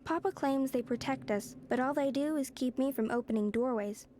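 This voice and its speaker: A woman plays a young game heroine with magical gifts, thinking aloud in a slightly high voice. She is analytical and determined, musing to herself over clear background ambience. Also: normal speed, mellow, a little hiss or hum, natural voice. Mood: wary, resentful. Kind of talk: video game character monologue, thinking aloud.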